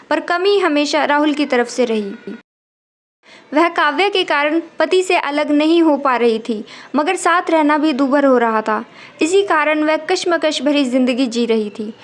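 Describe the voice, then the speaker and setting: A woman narrating a scripted family drama story in an even, measured reading voice. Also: sits high.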